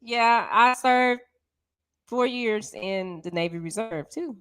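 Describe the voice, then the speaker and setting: A woman's voice: on the high side, slow, a bit bright, clear, resonant tone. A woman co-hosting in casual chat, easygoing, often chiming in with brief agreement. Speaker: co-host.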